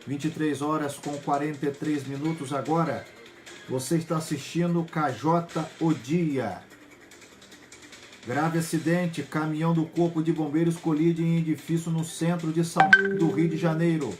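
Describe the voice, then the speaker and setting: A Brazilian man hosts a news program, rattling off headlines one after another in a brisk, matter-of-fact read. His voice sits a little higher than most men's, and light music plays underneath. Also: fairly even intonation, a little mellow. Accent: Brazilian Portuguese. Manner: brisk headline delivery with small slips. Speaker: news host.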